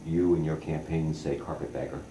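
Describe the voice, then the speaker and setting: A man hosting a newspaper editorial board interview, asking brisk, direct questions. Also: a bass voice, level tone, mellow. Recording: echoey room with background noise.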